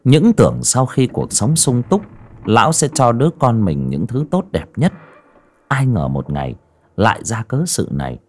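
Expressive male audiobook narrator. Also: mid-range voice, moderate pace. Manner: expressive, rising and falling with the drama. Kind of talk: dramatic horror story narration.

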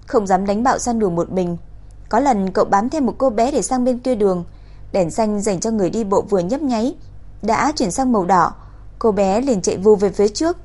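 A woman reading a crime novel aloud in an even, steady storytelling voice. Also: medium pitch. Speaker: narrator. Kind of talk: audiobook narration.

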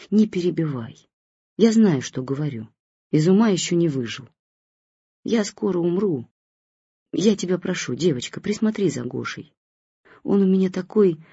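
Woman doing a grumpy old man: bossy, reproachful, darkly wry. Mellow, husky tone. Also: on the low side, dry recording, exaggerated voice. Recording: dull lo-fi recording.

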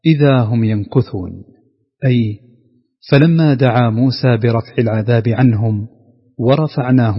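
Husky man reading commentary in reverb. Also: mid-range voice. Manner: measured, formal reading. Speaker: Quran commentary reader. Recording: dull recording with long reverb.

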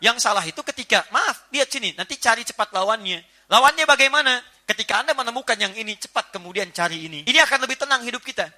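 A man giving a lively sermon as a preacher, joking and acting out small household scenes. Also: very high-pitched, quick pace, few pauses. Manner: animated, jokey, acts out little household scenes. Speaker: Islamic preacher. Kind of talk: lively sermon to a live audience.

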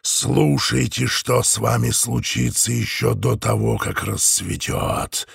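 A man voicing a threatening phantom whose hoarse, low voice drags out every word. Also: steady tone, slow, no echo, clean studio sound, heavily acted. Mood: menacing. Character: menacing male phantom voice, hoarse and booming.

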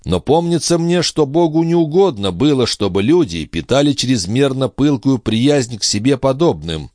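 A man reading an older male doctor in an audiobook, measured and gently lecturing. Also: medium pitch, very animated, no echo, studio quality, voice pushed up, close to an everyday voice. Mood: solemn.

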